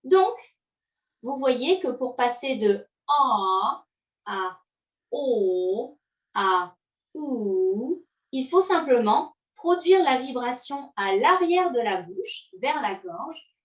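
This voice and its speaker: A woman teaches pronunciation at a very slow, deliberate pace, modeling each sound and leaving pauses for learners to repeat. Her voice sits a little high and sounds set back from the mic, in a roomy space with a dull, muffled recording. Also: sing-song, distant mic.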